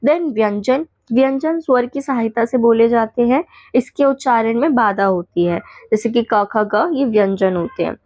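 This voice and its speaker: Brisk woman teacher, dry close sound. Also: a little high, a little mellow, dry recording, lo-fi sound. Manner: brisk, explains by listing points with quick checks. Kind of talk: exam revision lecture.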